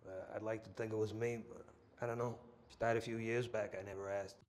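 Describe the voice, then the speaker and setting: Actor as streetwise, scheming New gangster. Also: male voice, on the low side, flat delivery, brisk, darkish tone, lightly acted. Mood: wistful, confiding. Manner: streetwise, colloquial, persuasive. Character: scheming, ambitious middle-aged male gangster, streetwise and sentimental. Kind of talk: screen crime drama acting. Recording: faint background ambience.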